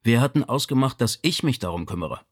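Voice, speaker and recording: Ein Mann spricht einen besonnenen erwachsenen Sohn. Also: male voice, mid-range voice, expressive, brisk, slightly rough. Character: adult son, level-headed and insistent.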